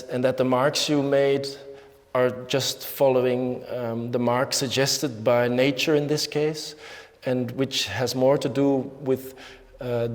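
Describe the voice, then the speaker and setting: A man giving an unscripted lecture as an artist, halting often with fillers and restarts. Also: mid-range voice. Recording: long hall reverb.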